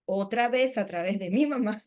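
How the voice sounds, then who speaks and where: A middle-aged woman speaks as a spiritual teacher at a workshop. She tells her own story candidly, in a conversational flow full of little asides, at a medium pitch for a woman. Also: moderate pace, a little mellow. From Panama. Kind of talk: personal testimony talk.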